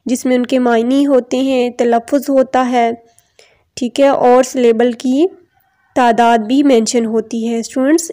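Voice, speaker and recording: A woman teacher giving a recorded textbook lesson. She reads English text slowly word by word, then explains it in Urdu. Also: sits high, mellow.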